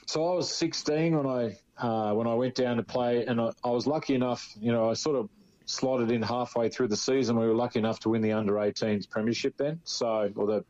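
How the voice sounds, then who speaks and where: A former footballer in his fifties with an Australian accent is a guest in an interview, telling long, rambling stories in a relaxed way, full of restarts and "you know." His medium-pitched voice is a little fast with a darkish tone, and the recording is muffled.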